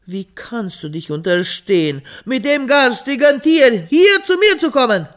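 Storyteller putting on a loud blustery old king, high and shouty, swings all over. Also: sing-song, unhurried, full character voice. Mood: furious. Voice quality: booming, blustering. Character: angry, haughty old king. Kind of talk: fairy tale reading.

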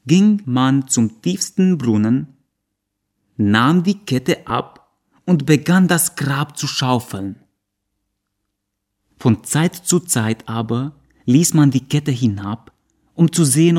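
A man reading a folk tale aloud as scripted narration, calm and measured. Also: mid-range voice. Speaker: storyteller.

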